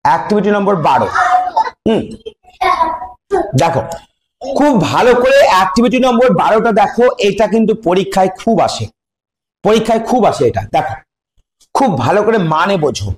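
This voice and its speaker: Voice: mid-range voice, sing-song, normal speed, long pauses, a little hiss or hum. Patient teacher in an echoey room. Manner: asks questions and answers them, repeats key words; patient, explaining step by step. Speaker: primary school English teacher. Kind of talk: revision lesson for young pupils.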